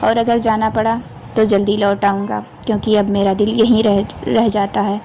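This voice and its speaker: Woman reading as a tender young husband, soft and teasing. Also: mid-range voice, little pitch movement, moderate pace, a little hiss or hum, close to an everyday voice. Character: gentle young romantic husband. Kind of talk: audiobook character voicing.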